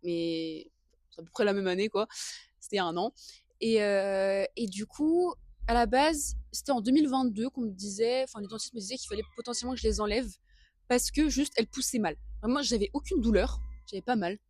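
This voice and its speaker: A woman's voice: fairly high pitch, fairly quick, a little mellow, no room sound. Young female co-host, early twenties, giggly and slangy, casual storytelling, close dry sound. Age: early 20s. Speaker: podcast co-host. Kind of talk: casual chat, personal storytelling.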